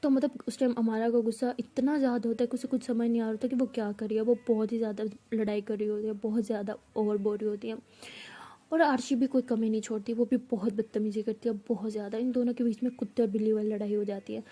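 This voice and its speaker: Woman narrating a story casually, kinda high voice, chatty, throws in english words. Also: flat delivery, fast, mellow.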